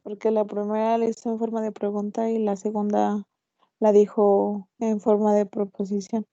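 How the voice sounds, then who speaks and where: Woman student with a dark, flat voice. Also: mid-range voice, moderate pace, no room sound. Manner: answers the teacher's questions briefly. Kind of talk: answering in class. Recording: dull, dry lo-fi audio.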